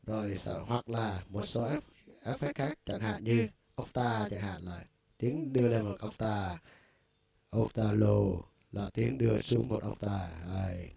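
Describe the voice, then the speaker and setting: A man with a low, gravelly voice walks through a keyboard's vocal effects in a loose, conversational way. His tone is dark and mellow. The sound is dry and close, with little room around it. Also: lively intonation, measured pace, no echo. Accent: Vietnamese. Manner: loose and conversational, with frequent filler words. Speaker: music store product demonstrator. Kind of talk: casual instructional demo.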